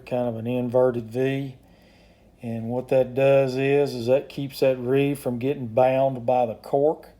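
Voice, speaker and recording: Man, very dark soft-edged tone, fairly flat intonation, plainspoken, folksy, unhurried, casual product demo. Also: medium pitch. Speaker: duck call maker demonstrating his product.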